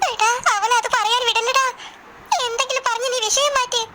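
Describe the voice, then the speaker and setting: A child hosting a home-made doll story, chatting quickly in asides between the dolls. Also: very high voice, level tone, pushed and bright, a little hiss or hum. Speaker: channel host voicing doll stories.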